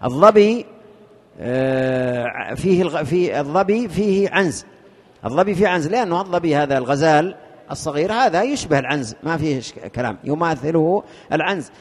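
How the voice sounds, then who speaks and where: Gravelly man teaching in a hall. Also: a little high, expressive. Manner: halting, repeats words while searching for terms. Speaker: teacher explaining a fiqh text. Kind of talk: lesson commentary. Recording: long reverb of a hall.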